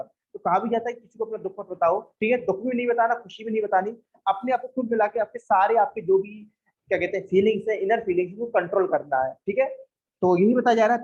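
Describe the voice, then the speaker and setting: A man's voice: high voice, husky. A young male teacher giving a classroom lecture on a text, explaining with everyday examples and frequent checks like "okay". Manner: explains with everyday examples and acted quotes, frequent "theek hai". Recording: muffled, dull lo-fi sound.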